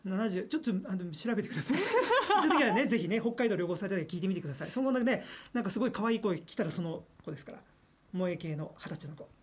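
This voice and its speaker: A man's voice: sits high, animated, quick pace, slightly rough. A man working as a radio personality, chatting casually and animatedly in a studio, often laughing and imitating voices.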